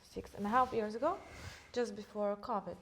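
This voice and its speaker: A woman's voice: medium pitch, fairly even intonation, moderate pace, slight background noise. Woman in her thirties, hesitant. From Bulgaria. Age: 30s. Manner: hesitant, many fillers. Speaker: podcast co-host. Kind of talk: casual chat.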